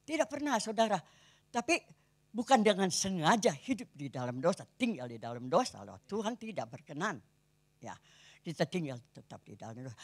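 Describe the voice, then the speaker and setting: Woman pastor in her eighties with a Kupang Malay accent. Husky voice with a lively, swooping pitch. Chatty sermon delivery full of rhetorical questions. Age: 80s. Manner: animated, conversational preaching with rhetorical questions.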